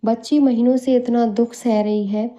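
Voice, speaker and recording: A woman narrating a scripted storybook in a calm, even manner. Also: fairly high pitch, normal speed.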